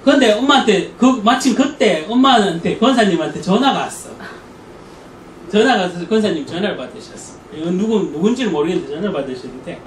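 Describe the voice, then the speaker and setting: A man giving a church parenting lecture, telling anecdotes in an animated way and acting out the people he quotes. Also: high voice. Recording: echoey room, distant mic, faint noise.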